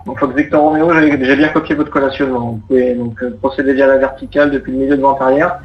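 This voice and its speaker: A man's voice: medium pitch, fairly even intonation, quick pace. A man working as an air traffic controller, giving procedural, courteous instructions and explanations over the radio. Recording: muffled roomy radio audio, faint noise.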